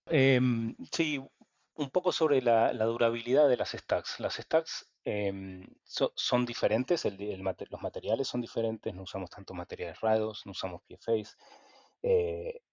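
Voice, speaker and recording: A man with an Argentine accent, a guest in an interview, explaining technical points in a measured, hesitant way with many fillers. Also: fairly low pitch, a little mellow, no echo, highs cut off. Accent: Argentine Spanish. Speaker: guest engineer.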